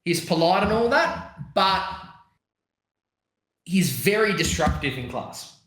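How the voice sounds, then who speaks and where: High, bright Australian young man. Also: sing-song, slow, echoey room. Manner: sweary, laughing, rambling banter. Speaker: podcast co-host. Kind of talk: casual chat.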